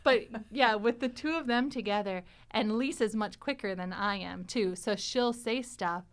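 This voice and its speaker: A woman's voice: fairly high pitch, normal speed, clean tone. A young adult woman hosting a podcast commentary as its writer, chatting casually, laughing and acting out quoted lines. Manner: animated, laughs often, acts out quoted lines. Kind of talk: casual chat.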